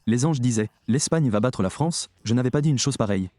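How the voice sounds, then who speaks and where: A man's voice: medium pitch, animated, a little fast, dark tone, no echo. A man preaching a sermon, talking emphatically and straight to his audience. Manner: emphatic, addresses the audience directly.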